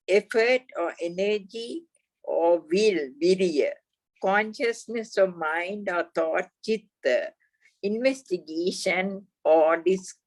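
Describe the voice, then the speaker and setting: A woman reads Buddhist practice instructions at a very slow, careful pace. Her voice sits a little low, and the recording is dry and close. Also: dry recording, low-quality recording. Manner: slow, deliberate, measured reading. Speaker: Dhamma reader.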